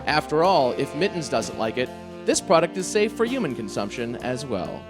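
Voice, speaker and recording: A man's voice: mid-range voice, sing-song, normal speed, over music. Playful man hosting a comedy quiz. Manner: playful, mock-dramatic reading of product blurbs. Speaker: podcast host running a quiz game.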